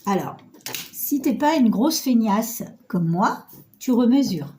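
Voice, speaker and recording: A middle-aged woman with a cold talks slowly in a soft, mellow voice, chatty and self-mocking as she guides the viewer step by step. She is recorded on a phone indoors with faint background noise. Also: on the high side, animated. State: nasal with a cold. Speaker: sewing tutorial host. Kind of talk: casual sewing tutorial. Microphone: phone camera.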